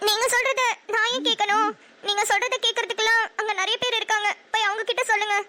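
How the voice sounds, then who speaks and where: Woman doing cartoon young wife, sulky, petulant, hurt, very high, sharp tone. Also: steady tone, fast. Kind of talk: cartoon voice acting.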